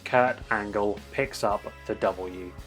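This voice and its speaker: A man's voice: on the low side, slow pace, fairly bright tone, faint music behind. A man reading a scripted voice-over review of a wrestling match, analytical and enthusiastic.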